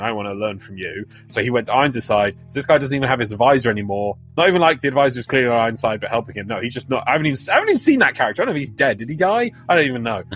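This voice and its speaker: A man co-hosting a casual anime review podcast, ranting in an animated, exasperated way. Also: medium pitch. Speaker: podcast co-host.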